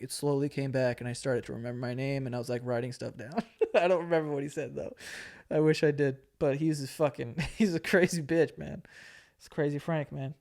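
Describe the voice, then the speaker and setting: A man in his late twenties telling a story in casual chat, laid-back and profane, laughing often and acting out what people said. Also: a little high. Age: 20s. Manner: laid-back, swears a lot, laughs often, acts out quotes. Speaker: podcast host.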